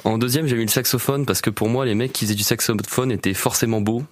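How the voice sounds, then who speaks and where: A young man from Normandy, a guest musician chatting casually in a radio interview, relaxed with lots of fillers. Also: mid-range voice, fast talker. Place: radio studio.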